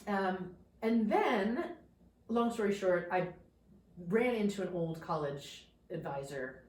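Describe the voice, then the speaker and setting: A life coach in her thirties from the New York suburbs tells her story in an interview, candid and reflective and animated at times. Her medium-pitched voice moves slowly, and she's a bit off-mic and far from it in an echoey room with faint noise.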